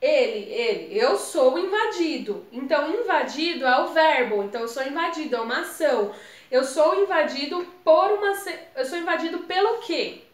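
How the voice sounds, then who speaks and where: A woman's voice: high voice, expressive, normal speed, echoey room. A woman with a Brazilian Portuguese accent explaining exam grammar in a chatty, casual lesson, often calling her viewers "gente". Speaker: exam prep tutor.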